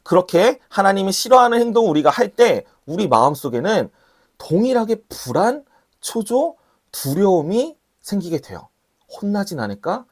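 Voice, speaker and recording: Lively woman pastor with a slight cold. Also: mid-range voice, moderate pace. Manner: lively preaching, acts out quoted voices. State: slight cold, clears throat. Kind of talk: sermon.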